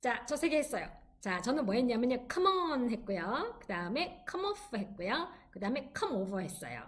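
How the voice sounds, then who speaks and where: A woman teaching an online English class, her voice sitting fairly high and moving a great deal in pitch. She encourages her students and slows down to drill phrases for them to repeat. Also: big pitch swings. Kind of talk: online lecture.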